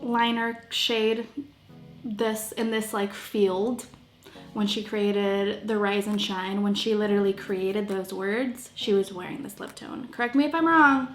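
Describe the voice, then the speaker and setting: A woman's voice: mid-range voice, fairly even intonation, a little slow, reverberant, faint music behind. A woman chatting playfully through a casual makeup tutorial, often trailing off mid-sentence. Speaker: beauty vlogger.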